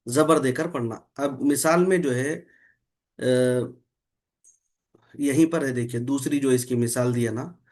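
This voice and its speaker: A man's voice: medium pitch, measured pace, long pauses, a little mellow. Male Quran teacher, online class, patient and methodical, asks and repeats questions. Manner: patient, explains rules step by step and quizzes the student. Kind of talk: online Quran recitation lesson.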